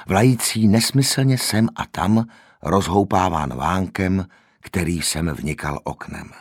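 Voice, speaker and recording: A man narrating an audiobook with expressive storytelling. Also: deep voice, slightly rough, no echo, clean studio sound.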